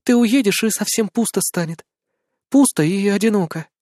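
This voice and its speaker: A gentle young woman, tired and lonely, who speaks softly and pleads with those around her, put on by a man reading. Her voice is raised high above the reader's own register. The sound is dry and close. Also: moderate pace, dry recording, natural voice. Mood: sad, tender. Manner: pleading, soft and weary.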